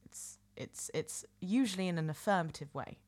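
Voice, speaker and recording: A woman chatting on a podcast, her low-pitched voice rising and dipping a lot as she stops, restarts and hunts for words mid-sentence. Her talk is loose and unscripted. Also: lively intonation, a little mellow. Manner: chatty, halting, many restarts and fillers. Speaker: podcast co-host. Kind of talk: casual chat.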